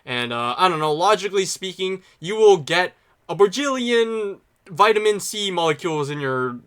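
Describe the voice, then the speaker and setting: A young man delivers a casual opinion monologue in a rambling, sarcastic way, poking fun at himself as he goes. His voice is bright and sits a little high, with a forceful edge to it. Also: lively intonation, moderate pace, smooth. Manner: rambling, sarcastic, self-mocking. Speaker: YouTube commentator.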